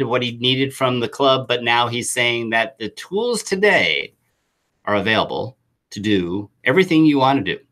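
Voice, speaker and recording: A man's voice: mid-range voice, fairly bright tone. A man coaching youth soccer, talking through a live chat Q&A with enthusiastic, rambling restarts.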